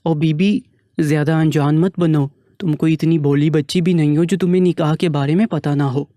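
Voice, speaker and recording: A man's voice: a little high, steady tone, dry recording, natural voice. A man voicing a scornful middle-aged aunt. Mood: taunting. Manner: taunting and sharp-tongued.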